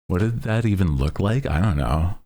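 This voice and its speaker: A man with a deep, mellow voice hosts a VTuber livestream, chatting casually with his viewers. His talk rambles, full of jokes and self-deprecation.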